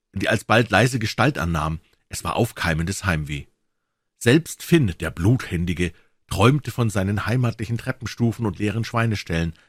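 A man reading a classic novel aloud as narrator, in a measured, lilting storytelling manner. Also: low voice, dry recording, clean studio sound.

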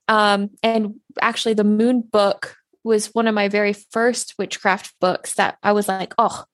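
A woman's voice: mid-range voice, little pitch movement, measured pace, no echo, clean studio sound. A young woman co-hosting a podcast in casual chat, talking loosely with lots of "like" and restarts. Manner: chatty, frequent "like" and "quote unquote". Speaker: podcast co-host.

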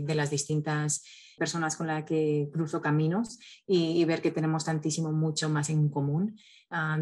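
Low-voiced Spanish woman from Valencia. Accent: Spanish from Spain. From Spain, Valencia. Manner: thoughtful, many fillers and self-restarts. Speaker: guest, communications specialist. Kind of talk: interview over video call. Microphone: video call.

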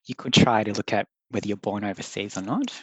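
In this podcast interview, the young Australian doctor working in public health talks fast, his fairly low voice slightly rough and free of echo. He comes across as thoughtful and earnest, laughing frequently and speaking with loose phrasing.

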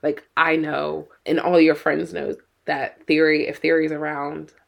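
A woman's voice: sits low, little pitch movement, unhurried, gravelly. A middle-aged woman co-hosting a podcast as a mother, talking earnestly and with worry, often repeating her words. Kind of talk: casual podcast chat.

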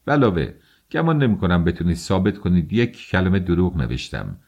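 A man voicing a haughty middle-aged suitor who speaks in a stiff, contemptuous, measured way, in an audiobook. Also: low-pitched, very animated, darkish tone, exaggerated voice. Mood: cold.

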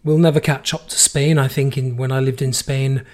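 A man from the United States with a hoarse, worn-out voice, hosting a podcast in a casual solo monologue. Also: mid-range voice, little pitch movement, moderate pace, a little mellow. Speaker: podcast host.

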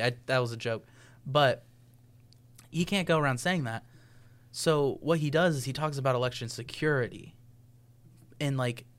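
A young man, a college student co-hosting a podcast, relaxed and joking as he thinks aloud. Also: mid-range voice. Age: young adult. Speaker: podcast co-host. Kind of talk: casual political chat.

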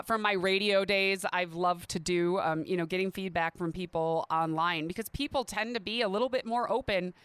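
A woman hosts a casual solo podcast in a chatty, upbeat manner. Her voice is smooth and clear. It is recorded dry and close, with no room sound. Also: mid-range voice, fairly bright tone, no echo. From Midwestern United States. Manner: chatty and upbeat, with light laughs. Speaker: podcast host. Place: at home in a quiet neighborhood.

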